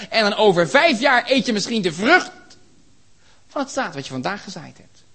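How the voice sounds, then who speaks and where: A man preaching a sermon in a church, impassioned, building to shouts and rhetorical questions. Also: high-pitched.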